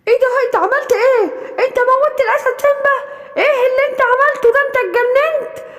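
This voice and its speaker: A woman's voice: extremely high pitch, fast, in a large hall. A woman with an Egyptian accent voicing a defiant male tiger father in a bedtime storybook, speaking with indignant outrage. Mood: outraged. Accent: Egyptian Arabic. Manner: shocked, indignant shouting.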